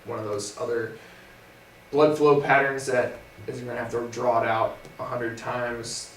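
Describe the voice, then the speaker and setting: A young man in his twenties, co-hosting and casually going over what he learned in class, relaxed and often trailing off softly. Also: mid-range voice, normal speed. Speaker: co-host, physical therapy student. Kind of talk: casual study recap. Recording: roomy, far from the mic, faint noise.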